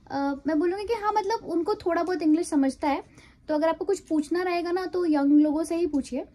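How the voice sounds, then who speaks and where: A woman's voice: high-pitched, warm tone. A young woman chatting casually to her phone camera, telling travel stories with frequent laughs, first in a car and then in a hotel room. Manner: chatty storytelling, laughs often. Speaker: travel vlogger. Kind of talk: casual vlog chat to camera. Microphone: phone camera at arm's length.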